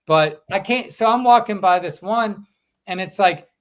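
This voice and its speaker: A man co-hosting a sports podcast, recounting his trip and quoting fans as he goes. His voice sits a little high for a man. He talks in a loose, casual way. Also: unhurried. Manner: storytelling, quotes fans in lively asides. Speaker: podcast co-host, sports reporter.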